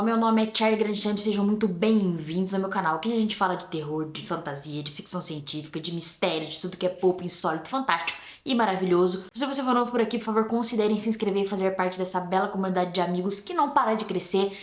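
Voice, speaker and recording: A tired Brazilian woman reviews a horror novel on her channel in a loose, chatty way, full of slangy asides. Her voice sits at an ordinary middle pitch. The room gives her voice a noticeable echo. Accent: Brazilian Portuguese. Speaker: book reviewer and channel host. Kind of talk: casual book review vlog. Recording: roomy echo.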